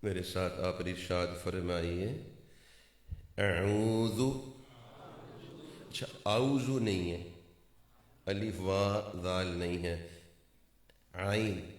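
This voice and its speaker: Male mufti, lowish voice, instructive sermon with chanted drawn-out letters, echoey hall. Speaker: mufti giving a religious talk. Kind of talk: sermon on correct Quran pronunciation. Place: large mosque gathering.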